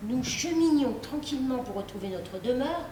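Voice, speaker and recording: A woman plays a scheming thief who poses as a traveller. She hesitates and stumbles over her excuses in a mid-pitched voice. She sounds far away in an echoing hall with clear background noise. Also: animated, normal speed, warm tone. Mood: hesitant. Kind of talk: amateur stage play performance. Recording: echoey stage hall picked up from afar, with noise.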